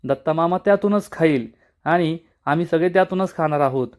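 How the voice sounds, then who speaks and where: A man's voice: on the high side, fairly quick, a little mellow, close to an everyday voice. A man voicing a stubborn, lovesick young village woman who talks back sulkily and turns coy. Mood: defiant. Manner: sulky, defiant, then coy.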